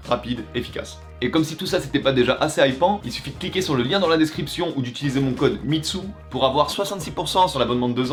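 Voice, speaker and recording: A young man talks quickly to his viewers in a casual vlog. His voice sits at a middle pitch, and he is chatty and energetic, with playful asides. Light music plays behind him. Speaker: YouTuber. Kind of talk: casual vlog monologue with a sponsor read. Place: in Japan.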